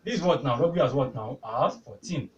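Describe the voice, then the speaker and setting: A man's voice: mid-range voice, animated, fairly quick, recorded from a distance, highs cut off. A man teaching a maths lesson, constantly prompting the class with "what now?" as he explains step by step. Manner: repeatedly asks "what now?" prompting answers. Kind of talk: whiteboard tutorial.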